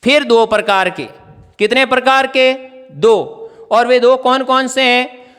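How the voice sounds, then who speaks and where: A man's voice: very high-pitched, fairly even intonation, unhurried, a bit bright, clear, resonant tone, long reverb tail. A male teacher giving an exam-prep grammar lesson, asking questions and answering them himself as he writes on a board. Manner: writes on a board while explaining.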